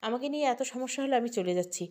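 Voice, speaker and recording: A woman's voice: fairly high pitch, quick pace, darkish tone, lightly acted. Hurt young woman holding back tears, defiant, read by a woman. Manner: tearful, defiant.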